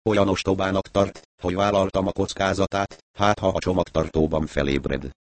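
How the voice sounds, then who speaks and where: A man's voice: low voice, flat delivery, dry recording, natural voice. A man playing a cornered, defiant male suspect who argues stubbornly and defensively.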